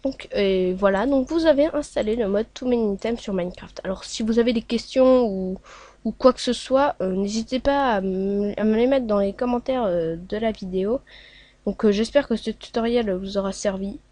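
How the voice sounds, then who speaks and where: A woman's voice: medium pitch, normal speed, warm tone, dry recording. A woman hosting a casual screen-recorded tutorial, talking along hesitantly with many filler sounds as she clicks through steps. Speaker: tutorial host.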